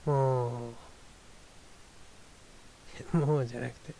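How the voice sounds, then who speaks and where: A man talking alone to his listeners in a loose, rambling monologue, wry and a little self-deprecating. His voice sits at an ordinary pitch with a gravelly, fry-laden texture. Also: fairly even intonation, slow, warm tone, slight background noise. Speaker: solo talk show host. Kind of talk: casual monologue.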